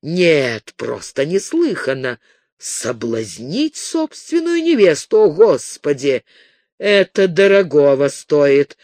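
A man voicing a hot-tempered young nobleman in an audiobook, speaking low and slow. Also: big pitch swings, no room sound, full character voice. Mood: angry. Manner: low, slow and forceful delivery. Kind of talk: audiobook character voice.

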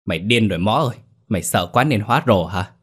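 A man voicing a gruff older village neighbor who scolds and mocks. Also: fairly low pitch, lively intonation, fast talker, a bit bright. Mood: gruff scolding. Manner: brusque, scolding.

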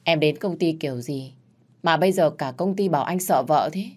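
A woman voicing a busy boss husband who speaks softly and pleads with his wife. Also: sits low, normal speed. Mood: pleading. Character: hardworking husband, a boss, gentle and yielding.

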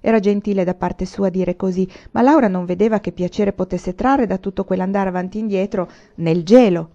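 A woman reads a storybook aloud in a steady, expressive way. Her voice is mellow and warm, in the middle of the range. The recording is dull and lo-fi. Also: medium pitch, a little fast. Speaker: audiobook reader. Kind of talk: read-aloud storybook narration.

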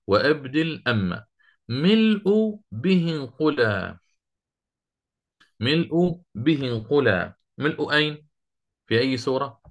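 A middle-aged man teaching Quranic recitation rules, explaining step by step, asking his students questions and reciting verses slowly. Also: mid-range voice, fairly bright tone. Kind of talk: interactive lesson on Quranic readings.

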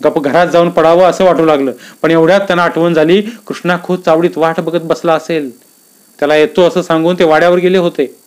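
A man reading a story aloud in a calm, measured, descriptive way. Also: on the high side.

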